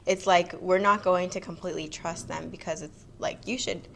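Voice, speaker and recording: A young woman with a slightly low voice chats casually on a couple's vlog. She talks in a loose, friendly way and fills her sentences with "like.". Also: fairly even intonation, moderate pace, gravelly. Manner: chatty, many "like" fillers, laughs easily. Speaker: vlog co-host, nurse. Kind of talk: casual chat.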